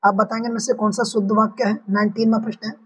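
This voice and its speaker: A man's voice: sits high, little pitch movement, fast talker, husky, recorded from a distance, rough recording. A man teaching an online exam-prep language lesson, walking through each answer option step by step and repeating the correct ones. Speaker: Hindi exam tutor.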